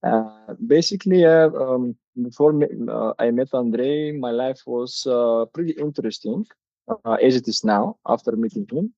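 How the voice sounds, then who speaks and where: A man in his thirties from Bulgaria, a native Bulgarian speaker talking in English with a Bulgarian accent, as a guest coach in a casual interview, halting and full of hesitations. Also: mid-range voice, mellow, no room sound, muffled recording.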